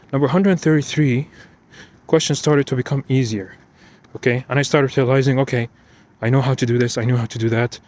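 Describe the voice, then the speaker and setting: Out of breath and emotional, a man with a fairly high voice tells a story while walking outdoors, repeating himself and often restarting sentences. He's a vlogger recounting an exam in an unscripted personal vlog, with slight background noise.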